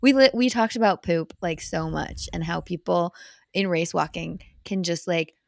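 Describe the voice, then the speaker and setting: A woman hosting a podcast interview, giggly and quick to react to her guest. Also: fairly low pitch, creaky, dry recording, studio quality. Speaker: podcast host. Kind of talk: casual interview chat.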